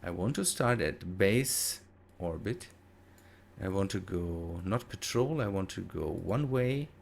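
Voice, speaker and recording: A gaming video host with a German accent and German as his mother tongue delivers casual commentary in a hesitant, thinking-aloud manner, correcting himself along the way. His voice is low, creaky and expressive, he takes his time, and a slight hiss or hum can be heard.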